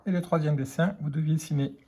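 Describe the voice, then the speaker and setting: A man's voice: on the high side, steady tone, quick pace, a little mellow. A French man teaching a children's reading lesson, sounding out words letter by letter and syllable by syllable.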